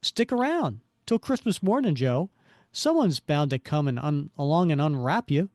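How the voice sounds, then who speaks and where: A man performs a wisecracking comic-book superhero with a lifted, animated voice. He is confident and chatty, often thinking out loud. The sound is dry and close. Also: a little high, moderate pace, no echo. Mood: stern wisecracking. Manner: wisecracking, self-talking.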